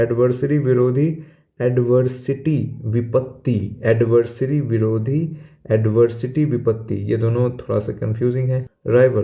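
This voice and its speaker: A man's voice: mid-range voice, gravelly, dark tone. A man tutoring exam vocabulary in a casual, chatty way, spelling out words letter by letter and repeating their meanings. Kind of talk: casual explaining lesson.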